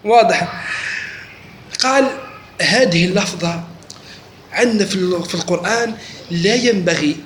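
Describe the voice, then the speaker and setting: Teaching a religious lesson, the man speaks in a high, somewhat bright voice at a normal speed, pausing often. He repeatedly stops to ask if the students are keeping up. Faint noise and echo fill the room.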